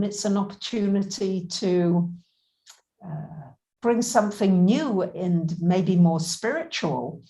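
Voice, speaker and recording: A woman co-hosting a casual live stream as an astrologer, speaking appreciatively in short, halting, measured phrases. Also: mid-range voice, warm tone. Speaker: co-host and astrologer.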